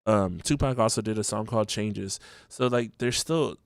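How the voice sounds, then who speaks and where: Just awake at home, a man records a solo podcast monologue in a relaxed way, stumbling through ums and restarts with mild allergy stuffiness. The tone is clean and lowish at an ordinary speed, captured dry with studio quality.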